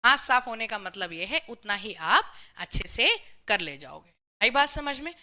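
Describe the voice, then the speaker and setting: A woman teaches chemistry in a live online class, going through the material step by step at a moderate pace. Her voice runs high and sharp with big pitch swings. She reads students' comments aloud and answers them, frequently addressing the class with "bhai" and "theek hai."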